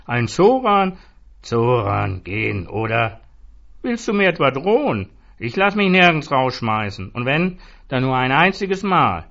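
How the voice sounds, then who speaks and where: A man's voice: lively intonation, moderate pace, fairly bright tone, muffled recording. A man voicing a drunk, tearful male pub regular who whines and rants. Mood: furious. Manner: whiny, pleading, then shrill and ranting.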